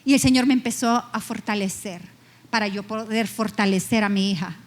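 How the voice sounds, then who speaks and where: A middle-aged woman pastor preaching a personal testimony, emotional and earnest, slowing down for emphasis. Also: medium pitch. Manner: emotional, personal storytelling with slow emphatic pauses. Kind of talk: sermon testimony.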